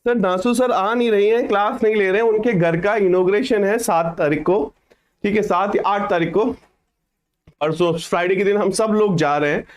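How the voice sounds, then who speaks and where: A man teaching an online exam-prep English lesson, reading sentences out slowly and then explaining them to students. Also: high-pitched.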